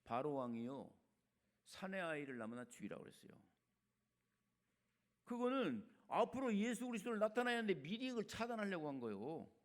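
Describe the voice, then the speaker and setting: An older man preaching a sermon as a retired senior pastor, colloquial and chatty, swinging between loud emphatic lines and quiet asides. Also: high voice, big pitch swings, brisk.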